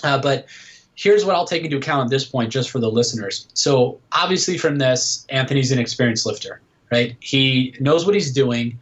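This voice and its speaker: A man in his early thirties talks through training details as a guest coach, pausing often with fillers. His voice sits at an ordinary pitch. The recording sounds dull and muffled. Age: 30s. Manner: explanatory, lots of "uh" and "um". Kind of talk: casual podcast interview.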